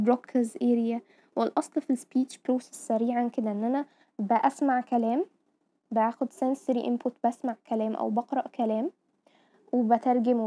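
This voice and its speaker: Egyptian woman lecturing on medicine, lo-fi. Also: a little high. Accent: Egyptian Arabic. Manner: explanatory, mixing English medical terms, frequent "tamam?" checks.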